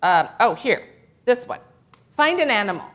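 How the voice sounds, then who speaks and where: In a church sanctuary, a woman minister leads the children's segment of a worship service, drawing the kids in with questions and gentle encouragement. Her high, light voice sounds playful and animated, at a normal speed.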